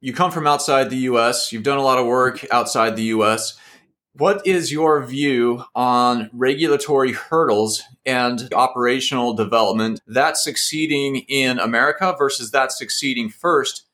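Male interviewer at a middle pitch; probing, asks layered questions in several parts. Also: normal speed, sharp tone. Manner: probing, frames long multi-part questions.

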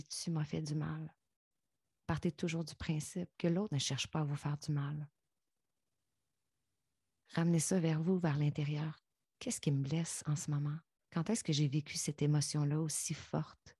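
A Québécois woman speaks in a deep, husky, mellow voice. She coaches her viewers earnestly, speaks to them directly, and slips in bits of English. The sound is dry and close, with no room around it. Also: no room sound. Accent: Québécois French. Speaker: self-help speaker. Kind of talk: motivational talk to viewers.

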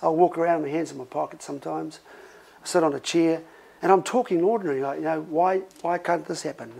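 A middle-aged male preacher tells stories with energy and laughter, keeping his sermon conversational. His fairly high voice carries vocal fry and a quick pace, and the audio is poor.

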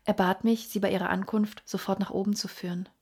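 A woman voicing a polite, husky hotel clerk. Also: medium pitch, flat delivery, brisk, a little mellow. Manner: polite, obliging. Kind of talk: audiobook reading.

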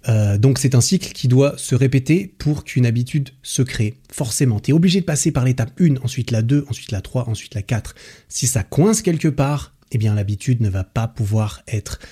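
Male podcast host, dark husky tone, chatty and enthusiastic, slangy, lots of fillers. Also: medium pitch, expressive, moderate pace. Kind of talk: casual book summary.

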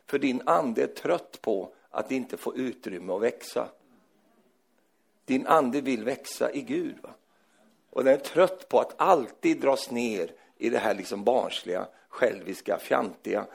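A man preaching a sermon, animated, asking "va?" after his points and swinging from loud exclaims to quiet scripture reading. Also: medium pitch, creaky, slightly rough. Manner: tag questions "va?" after points.

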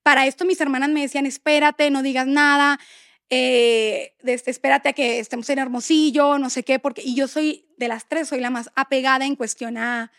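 A woman's voice: sits high, fairly even intonation, moderate pace, a bit bright, no room sound, clean studio sound. A woman in her thirties with a Mexican accent, a podcast guest telling a personal story with feeling, colloquial and tearful at moments. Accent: Mexican Spanish. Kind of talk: emotional storytelling.

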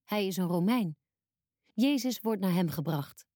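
A woman with a mellow, warm voice reads a children's story aloud in a calm, clear and simple way. The recording is close and dry, with no room sound. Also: medium pitch, a little slow, no echo. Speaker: storybook narrator. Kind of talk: scripted narration of a children's Bible story.

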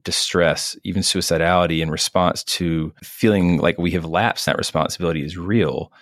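A middle-aged man with a very low, deep voice talks earnestly and thoughtfully, weighing each point. The recording is dry and close, with no room sound. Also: no echo. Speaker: physician guest. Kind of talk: reflective interview talk.

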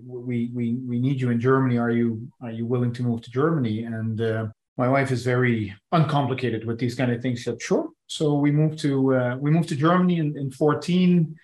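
A Dutch business executive in his forties speaks as an interview guest, hesitantly and with many restarts. His mid-range voice is a little mellow, and the room is echoey.

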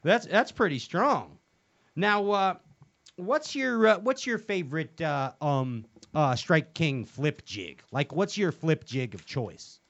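A man hosts a casual fishing chat, rambling and joking through plenty of fillers. His voice sits a bit high and swings widely. The recording is dull and lo-fi. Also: lively intonation, slow pace, fairly bright tone. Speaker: host. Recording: dull lo-fi sound.

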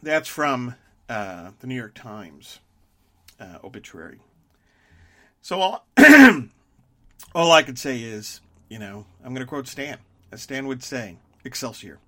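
A man hosting a solo podcast, talking in a halting way with many fillers and frequent throat clearing. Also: medium pitch, lively intonation, sharp tone. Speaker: podcast host.

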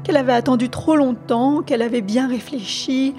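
A woman's voice: sits high, over music, natural voice. Woman reading as a grave elderly professor. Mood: troubled. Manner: formal, measured, dignified. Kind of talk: audiobook reading.

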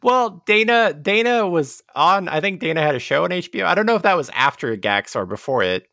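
A man's voice: on the high side, big pitch swings, brisk, pushed and bright, dry recording, studio quality. A man chatting casually as a podcast co-host about a video game, with a wry, jokey, ironic way of riffing.

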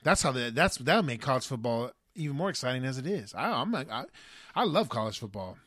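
A man co-hosting a sports podcast, giving game picks in casual chat and speeding up in animated bursts. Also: medium pitch, a little fast, no echo, clean studio sound. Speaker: podcast co-host.

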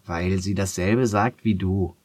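A man with a husky voice voicing a shy, sad young boy who speaks quietly and hesitantly, in a storybook reading. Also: deep voice, fairly even intonation, measured pace, no echo. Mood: doubtful.

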